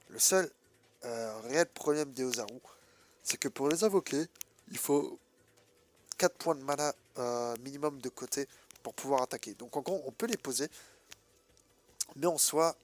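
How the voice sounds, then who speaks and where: A man with a stuffed-up, nasal voice from a head cold, giving casual, colloquial gameplay commentary and hesitating as he thinks aloud. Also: mid-range voice. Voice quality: congested, nasal. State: sick with a blocked nose. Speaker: gaming video host.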